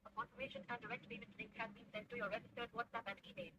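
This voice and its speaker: Woman AI voice agent, on speakerphone, very quick delivery, noisy phone audio. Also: a little high. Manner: polite, even, scripted reminder delivery. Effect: played over a phone on speakerphone. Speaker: automated payment reminder caller. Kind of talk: scripted automated call. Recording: phone speaker with noise, off-mic.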